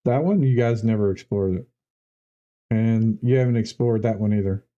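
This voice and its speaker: A man's voice: on the low side, fairly even intonation, normal speed, mellow, dull audio. A man running a tabletop game as game master, describing scenes in a loose, conversational way.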